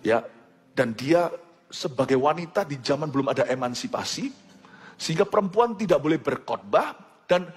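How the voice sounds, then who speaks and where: Preaching with animation, an Indonesian man mimics how foreign languages sound while alternating between booming and quiet delivery. His voice sits on the high side with a breathy edge, followed by a long reverb tail.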